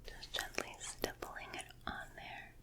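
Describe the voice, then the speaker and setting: A woman in a whispered role-play as a painter guiding a sitter, speaking gently and soothingly right in the listener's ear, lingering on and repeating words into a close binaural microphone. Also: a little slow.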